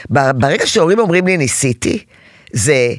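A middle-aged woman coaching a parent, animated and acting out little scenes between parent and child to make her points. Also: low-pitched, dry recording, studio quality. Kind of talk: advice talk to a parent.

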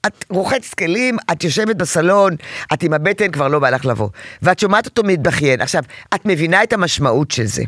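Lively woman parenting coach, dry sound. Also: on the low side, dry recording. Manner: animated, acts out parent and child voices. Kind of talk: advice talk to a parent.

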